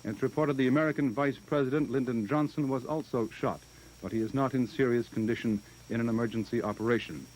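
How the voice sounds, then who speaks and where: A male news announcer reading a 1960s television bulletin in a formal, measured way, heard as an old newsreel broadcast. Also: mid-range voice, darkish tone, a little hiss or hum, poor audio.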